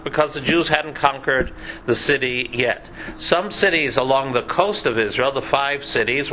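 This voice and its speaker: A man's voice: mid-range voice, pushed and bright, slight background noise, low-quality recording. A man giving a conversational Bible class lecture, chatty and sprinkled with dry joking asides. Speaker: Bible teacher.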